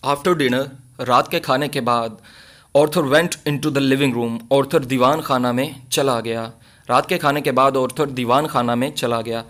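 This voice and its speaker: A man with a Pakistani accent teaching an English lesson, reading each line slowly and explaining it in Urdu. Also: mid-range voice, fairly bright tone.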